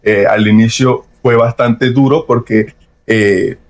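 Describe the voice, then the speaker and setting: A man's voice: medium pitch, steady tone. A young Venezuelan man with a Venezuelan accent, giving a personal testimony as a podcast guest in an earnest, reflective way. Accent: Venezuelan Spanish. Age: young adult. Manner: earnest, reflective, with frequent pauses and hedges.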